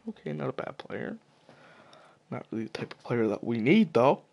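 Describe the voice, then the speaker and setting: Talking solo and casually about the news, a hockey video commentator swears freely, speaks offhandedly and sometimes fumbles names. His gravelly, worn-out voice is slowly going, sitting in a normal middle range but swinging widely in pitch, with a darkish tone.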